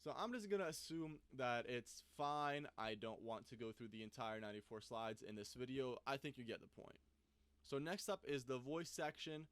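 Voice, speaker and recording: Man with a smooth, dry voice. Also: mid-range voice, animated, moderate pace, a bit bright, dry recording. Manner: thinks aloud while clicking, loose and conversational. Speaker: software reviewer. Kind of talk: casual screen-recorded tutorial.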